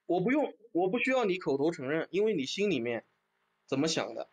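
A man's voice: on the high side, very animated, fairly quick. A man calling into a livestream who argues in a combative, provocative way. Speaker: caller on a livestream. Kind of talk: heated argument over a voice link.

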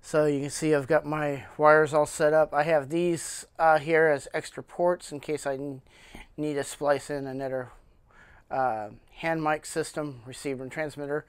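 A man hosting his own channel, casually showing his equipment cases off camera, with lots of fillers and frequent throat clearing. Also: on the high side, level tone, normal speed, no echo. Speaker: channel host reviewing gear cases. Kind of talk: casual product show-and-tell. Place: indoor room with cloth backdrop, speaking off camera.

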